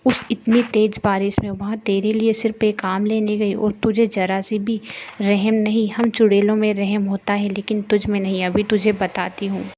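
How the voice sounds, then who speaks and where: A woman's voice: mid-range voice, level tone, moderate pace, a little mellow, highs cut off, a little hiss or hum, natural voice. A woman voicing a fierce forest witch. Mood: angry. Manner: scolding, protective. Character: kind but fierce female forest witch.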